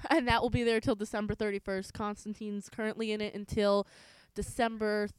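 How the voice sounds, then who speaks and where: A woman's voice: medium pitch, level tone, moderate pace, clear, resonant tone, low-quality recording. A young woman co-hosting a podcast, telling stories in a chatty way full of fillers. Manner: chatty storyteller, many "like" fillers. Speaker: podcast co-host. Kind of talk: casual chat.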